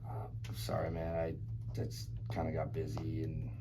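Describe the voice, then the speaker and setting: A man's voice: extremely low pitch, monotone, normal speed, creaky, noisy background. A young man playing a mumbling, sheepish slacker student. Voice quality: mumbling, hesitant, apologetic. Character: young male student slacking on group work. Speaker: student in a class skit. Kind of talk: amateur skit acting.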